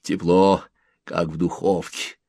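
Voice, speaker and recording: A worn-out traveler answers in a calm, low whisper, as a man reads him in an audiobook. Slow and deep, close to the mic with no room sound. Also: creaky, no room sound, exaggerated voice.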